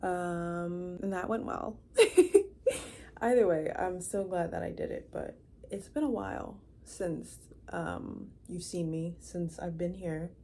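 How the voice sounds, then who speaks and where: A woman's voice: lowish voice, fairly even intonation, takes it slowly, mellow. A 23-year-old woman rambling casually to camera in her room, chatty, with lots of fillers and restarts. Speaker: vlogger. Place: her own room indoors.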